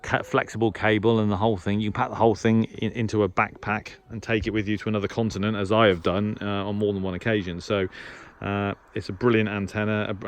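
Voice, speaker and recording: Against slight background noise, a man with a fairly low voice reviews equipment informally and without a script, hesitating as he works through his thoughts aloud. He's a shortwave radio hobbyist presenter.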